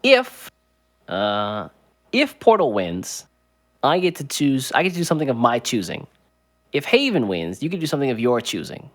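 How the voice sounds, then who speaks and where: A man's voice: medium pitch, wildly swooping pitch, moderate pace. A man co-casting an esports card game, laid-back and joking in banter. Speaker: esports co-caster. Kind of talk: live esports commentary.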